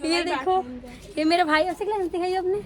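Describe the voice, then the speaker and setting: Hoarse young woman vlogging, high voice. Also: fairly even intonation, fairly quick. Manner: chatty, playful, addresses viewers directly. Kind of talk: casual vlog chat. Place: home rooftop with family around. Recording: crowd of family chatter behind.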